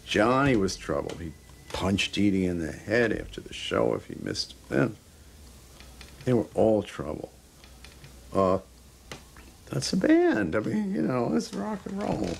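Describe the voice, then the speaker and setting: A man's voice: lowish voice, wildly swooping pitch, measured pace, gravelly, long pauses, a little hiss or hum. A man recalling the past in a documentary interview, blunt and emphatic, with occasional profanity. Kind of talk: interview recollection.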